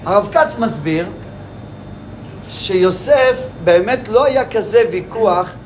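A man teaching students by retelling a story and asking the class lively questions. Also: high-pitched, a little hiss or hum.

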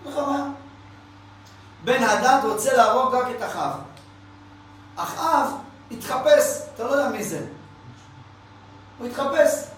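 High-voiced man telling a lively story. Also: long pauses, soft background music. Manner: lively, acts out dialogue, mixes in English words. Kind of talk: animated oral storytelling. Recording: echoey room, speaker far from mic, faint ambience.

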